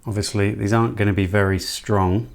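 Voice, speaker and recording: His voice is fairly low and steady, a little fast, with vocal fry. This electronics hobbyist presenter chats casually while working through a build, narrating hands-on and half to himself.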